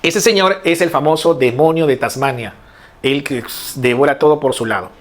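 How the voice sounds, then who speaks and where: A man teaching an online class who explains slowly, repeats his key words and keeps asking the students questions. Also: mid-range voice.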